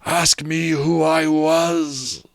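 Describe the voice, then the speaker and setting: A man voicing the mournful, ominous ghost of a dead businessman in a storybook, with slow, portentous, drawn-out words. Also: on the high side, little pitch movement, creaky, no echo, clean studio sound, pitched above the performer's own voice, heavily acted.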